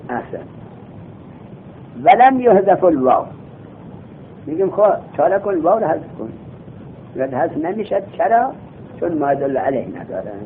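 Tinny-sounding male teacher quizzing students. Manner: reads text slowly then explains and quizzes students. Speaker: teacher of Arabic grammar. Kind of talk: classroom lesson. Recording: tinny phone-like recording with faint rumble.

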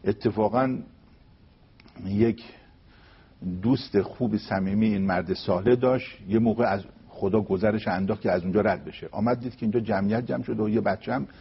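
A man giving a religious talk, telling a story and reciting verses slowly and deliberately. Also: lowish voice, vocal fry, breathy edge, lo-fi sound. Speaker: religious speaker.

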